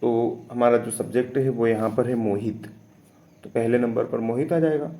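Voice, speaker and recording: A man teaching, slowly and patiently explaining English test answers step by step, with frequent fillers. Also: medium pitch, steady tone, warm tone.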